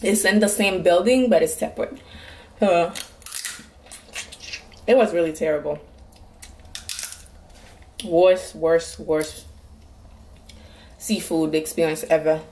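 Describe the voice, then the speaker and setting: A woman's voice: lowish voice, slow, pauses often, dark tone, slight background noise. A woman vlogger telling a rambling story while eating crab, repeating words for emphasis. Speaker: mukbang vlogger.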